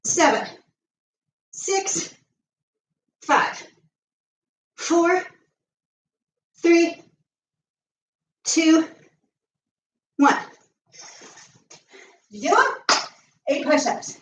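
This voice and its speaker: A high-voiced woman coaches a home workout while doing the moves herself, short of breath as she counts off reps. She sounds a little far from the mic, in an echoey room. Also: animated, drawn-out words, long pauses. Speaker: fitness coach. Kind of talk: live home workout instruction.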